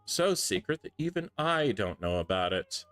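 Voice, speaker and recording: A man's voice: on the low side, sing-song, moderate pace, fairly bright tone, no room sound, soft background music. A tired man with his voice a bit off, chatting casually with viewers while he draws on a live stream. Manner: chatty, thinks aloud while drawing. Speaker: art streamer.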